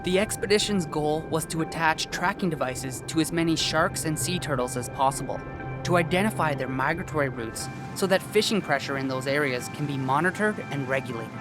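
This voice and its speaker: A young man delivers scripted nature documentary narration in a fairly high voice. Clear music plays underneath him as he presents. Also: fairly quick. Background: music bed under the voice.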